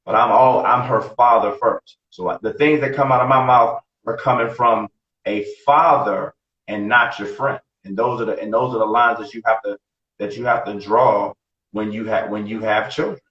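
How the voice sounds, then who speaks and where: A man's voice: fairly low pitch, moderate pace. A man in his late forties talking bluntly and profanely on a casual podcast, often repeating himself. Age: 40s. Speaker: podcast co-host. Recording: roomy, distant, dull lo-fi sound.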